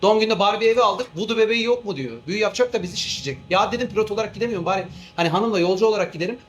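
A man's voice: high-pitched, racing, fairly bright tone, slight background noise. A man playing an exasperated male airline captain who grumbles, rants and swears between cabin announcements. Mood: ranting. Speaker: comedian doing a character. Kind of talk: comic monologue sketch.

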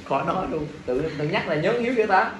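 A man's voice: on the high side, fast. A male teacher, running an exam review class and quizzing students with jokes. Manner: lively, jokes with students, asks the class questions. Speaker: English teacher. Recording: echoey room, faint ambient noise.

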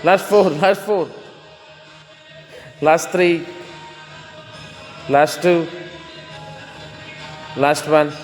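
A man's voice: high-pitched, takes it slowly, pauses often. A man coaching a client through a gym workout, counting reps and coaxing her on. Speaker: gym trainer. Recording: echoey room with music behind.

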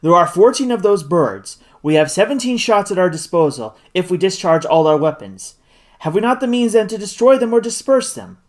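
Reader doing steady sportsman, measured, grave, lively pitch. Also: close to an everyday voice. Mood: confident. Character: steady male sportsman and hunter.

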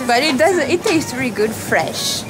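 A woman's voice: high-pitched, lively intonation, moderate pace, low-quality recording. A young woman hosting a vlog, chatting and explaining foods while shopping in a supermarket, laughing often, recorded on a camera held at arm's length. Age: young adult. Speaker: vlog host. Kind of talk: casual chat while shopping. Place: indoor supermarket. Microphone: handheld camera at arm's length. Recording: busy supermarket with loud music. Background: loud background music.

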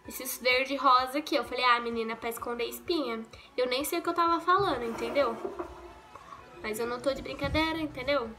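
Faint music sits under this get-ready-with-me vlog, where a young Brazilian makeup vlogger speaks briskly to viewers from her bedroom as she applies makeup. Chatty and joking, she rambles and corrects herself in a high, bright voice.

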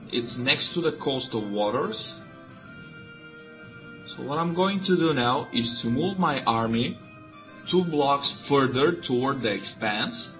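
A man from Bulgaria, a native Bulgarian speaker, talks through his strategy moves in a calm, methodical way. His voice sits at an ordinary middle pitch. Faint music plays behind him. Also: rough recording. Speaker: player. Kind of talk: let's play commentary.

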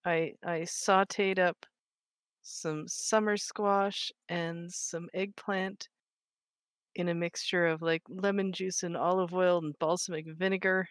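A young woman co-hosting a gaming video, chatting casually and warmly about food while they play. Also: lowish voice, fairly even intonation, slow, smooth, no room sound. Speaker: co-host of a gaming channel. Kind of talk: casual chat while playing a game.

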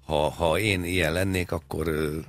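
A man's voice: sits low, steady tone, a bit bright, no room sound. A man co-hosting a radio talk show, chatting in a wry, rambling way, spinning absurd jokes with frequent hesitations. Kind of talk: comedic casual chat.

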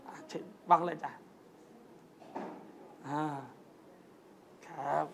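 A man's voice: very slow, noisy background. A man giving an Islamic lecture in a mosque, telling stories earnestly and often calling his listeners brothers and sisters, with light joking asides. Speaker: Islamic preacher. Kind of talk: lecture to a congregation.

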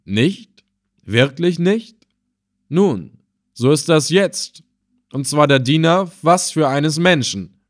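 A man voicing a cruel, scornful male slave trader in an audiobook, threatening and loud. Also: on the high side, animated, slow, pauses often, voice pushed up. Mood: sneering. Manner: sneering, threatening. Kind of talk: audiobook character voice.

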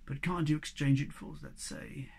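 A reader voicing a sad, weary old hobgoblin magician in a storybook, speaking low and slow, often in a whisper. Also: steady tone, vocal fry, a little mellow, slightly rough. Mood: gloomy. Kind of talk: storybook reading.

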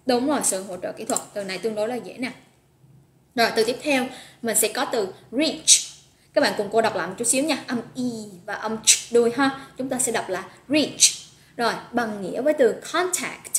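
A woman's voice: fairly high pitch, a little fast. A woman teaching an English vocabulary lesson live online, upbeat, praising students by name and drilling pronunciation. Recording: echoey room with faint noise.

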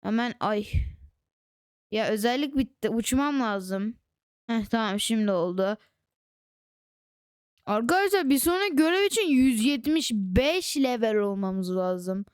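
A woman hosting a gaming channel, chatting excitedly to viewers through casual gameplay commentary on a close desk microphone. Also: on the high side, measured pace, long pauses, clear, resonant tone, no echo.

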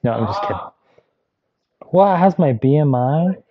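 A man's voice: fairly high pitch, animated, moderate pace, phone-quality sound, background noise. A man chatting casually through a gadget review vlog, rambling with asides as he tries out devices.

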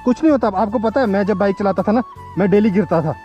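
Out on a cold mountain road, a young motovlogger narrates his ride quickly and chattily, his voice sitting a little high. He keeps calling his viewers "guys" and "bhai" as faint music plays beneath him. The audio is mellow and dull.

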